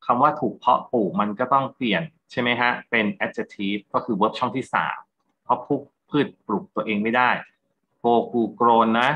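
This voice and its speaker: A man's voice: mid-range voice, pushed and bright, highs cut off. A Thai-accented man teaching English grammar in a lecture, going through exam answers and checking understanding with rhetorical questions.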